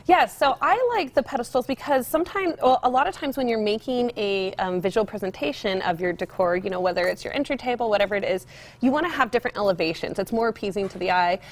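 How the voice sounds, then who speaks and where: Upbeat young American woman, higher voice. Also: fast talker. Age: young adult. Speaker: guest home decor store representative. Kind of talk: casual TV demonstration interview. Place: TV studio set, indoors.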